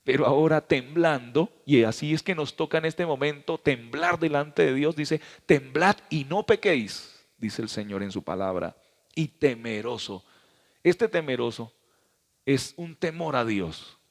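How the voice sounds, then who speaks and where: Colombian pastor preaching in a reverberant hall. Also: male voice, lively intonation. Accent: Colombian Spanish. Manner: preaching with sweeping pitch swings and dramatic pauses. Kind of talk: sermon. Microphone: handheld microphone.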